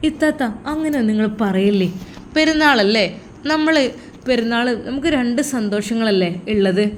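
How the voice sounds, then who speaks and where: A woman's voice: a little high, expressive, normal speed, a little hiss or hum, close to an everyday voice. A woman voicing a caring younger sister who talks earnestly and coaxes her sibling. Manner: earnest, coaxing.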